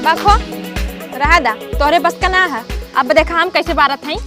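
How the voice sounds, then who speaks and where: A woman's voice: high-pitched, moderate pace, music in the background. A woman bickering and scolding in a rural family comedy sketch.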